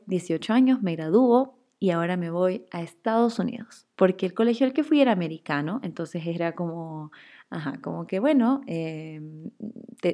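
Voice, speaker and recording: A young woman telling a personal story in a chatty, expressive way, full of fillers, as a casual vlog. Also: on the low side.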